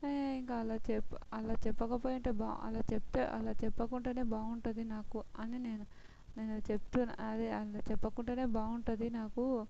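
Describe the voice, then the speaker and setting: Woman, higher voice, flat pitch, casual show recap, exasperated, dull lo-fi audio, steady hiss behind. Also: normal speed. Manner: animated retelling, acts out quotes loudly, exasperated. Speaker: reality show reviewer. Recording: dull lo-fi sound with clear noise.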